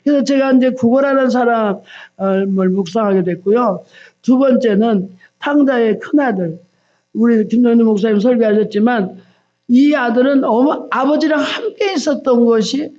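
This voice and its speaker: A woman's voice: a little high, normal speed, warm tone, dull audio. A woman evangelist preaching at a dawn prayer service, telling stories and acting out the pleas of the people in them.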